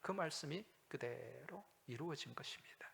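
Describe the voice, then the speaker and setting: A male pastor preaching a sermon, asking the congregation questions and answering them himself, swinging between loud emphasis and hushed asides. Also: a little high, lively intonation, moderate pace, creaky, slight background noise. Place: church sanctuary. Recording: long hall reverb from a church.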